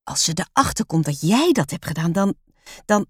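A woman's voice: on the low side, big pitch swings, moderate pace, slightly rough, no room sound, studio quality. Cheeky storybook schoolboy read by a woman, playful and secretive. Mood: gleeful. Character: mischievous young schoolboy, cheeky.

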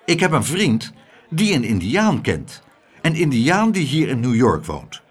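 A man reading an audiobook aloud, voicing a big, stout, quick-tempered businessman who talks bluntly and loudly. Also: mid-range voice, very animated, husky. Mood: brisk. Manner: blunt, raised, cross.

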